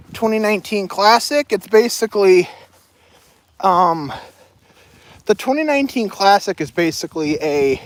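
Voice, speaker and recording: A young adult woman chatting casually to her viewers while she walks outdoors with a loaded backpack, rambling from one topic to the next. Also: medium pitch. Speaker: livestreamer. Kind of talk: casual walking livestream chat. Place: outdoors on a walk.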